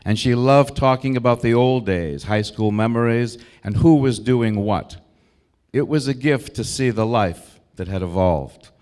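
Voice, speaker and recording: An American man in his sixties delivering a prepared eulogy, telling memories in a measured, reflective way with short, deliberate phrases. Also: medium pitch, darkish tone. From Brookline, Massachusetts, United States. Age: 60s. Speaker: eulogist, old school friend of the deceased.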